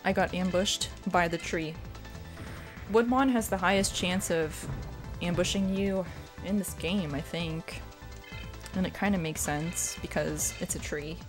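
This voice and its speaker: A woman's voice: fairly low pitch, unhurried, over music. A woman streaming a game and chatting with viewers in a rambling, self-deprecating way. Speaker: streamer and speedrunner. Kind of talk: casual livestream chat while gaming.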